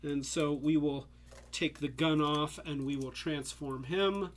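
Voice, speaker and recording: A live-stream host reviews toys in a slow, steady, medium-pitched voice, congested and losing it, and a bit tipsy from drinks. The talk is casual and rambling, with many fillers and restarts.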